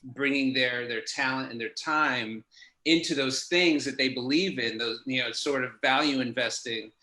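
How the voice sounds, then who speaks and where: Bright-toned New man, echoey room. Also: mid-range voice, moderate pace. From New York. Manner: thoughtful, many fillers and restarts. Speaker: guest. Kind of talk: casual interview talk.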